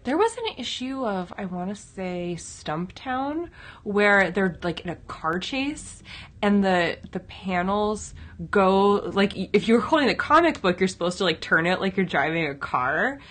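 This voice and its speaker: A woman's voice: mid-range voice, animated, a little slow, fairly bright tone. A woman co-hosting and working as a digital editor, chatting casually and rambling with lots of fillers. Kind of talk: casual chat reviewing comics.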